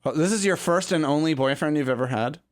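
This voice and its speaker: A man's voice: fairly high pitch, quick pace. A man hosting a podcast in casual chat, blunt and teasing, who swears freely. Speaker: podcast host.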